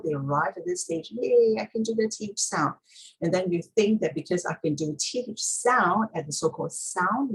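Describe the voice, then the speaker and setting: A woman's voice: on the low side, breathy edge, low-quality recording. A woman teaching pronunciation step by step in an instructional talk, repeating key points for emphasis.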